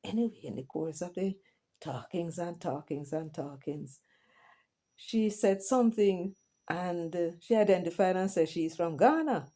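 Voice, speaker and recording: Here a middle-aged Jamaican woman hosts her channel in a warm voice that sits on the low side, speaking a little slowly. She gives casual commentary to viewers, switching between patois and English with chatty asides.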